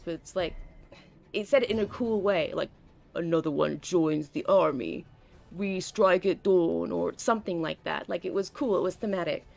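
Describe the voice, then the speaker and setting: Gravelly-voiced woman streamer chatting. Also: fairly low pitch, a little mellow. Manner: rambling, self-interrupting, chatty. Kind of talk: casual gameplay commentary.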